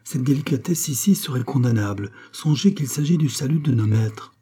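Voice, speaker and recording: A man's voice: mid-range voice, lively intonation, normal speed, mellow, breathy edge, voice pushed up. A man reading an audiobook, voicing a proud young nobleman who presses his questions earnestly. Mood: insistent. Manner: insistent, earnest.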